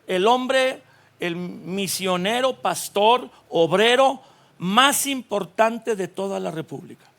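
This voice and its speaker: A Mexican man in his sixties, a pastor giving a lively, joking sermon at a church conference, full of stories. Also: high-pitched, takes it slowly. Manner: animated, storytelling, jokes with the audience.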